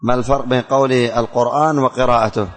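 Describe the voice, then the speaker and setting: A male religious teacher leads a classroom lesson, reading out each line slowly so students can write it down and asking them questions again and again. His voice stays even, with little rise and fall, and it rings out with a long reverb as if in a large hall. Faint music sits underneath. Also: mid-range voice. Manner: slow and deliberate, repeating lines for students to write down; quizzes students with repeated questions. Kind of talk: classroom lesson dictating and explaining verses.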